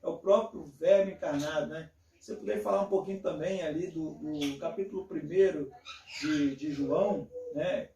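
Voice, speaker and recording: A man, a pastor hosting the talk, speaking in a measured, hesitant way with many small tag questions. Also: a little high, warm tone. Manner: measured, hesitant, with frequent fillers. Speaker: pastor and host. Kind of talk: casual theological conversation. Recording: echoey room, distant from mic.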